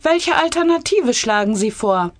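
A woman's voice: on the high side, expressive, moderate pace, no room sound, pitched above the performer's own voice, close to an everyday voice. A woman reading aloud as a calculating male vice chancellor who speaks firmly. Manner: firm, emphatic.

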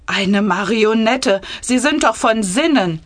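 A woman's voice: a little high, expressive, takes it slowly, no room sound. A nervous male minister scolding his colleagues in outrage, in a satirical audiobook, as a woman reads him. Dry and near. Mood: angry. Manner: angry, scolding.

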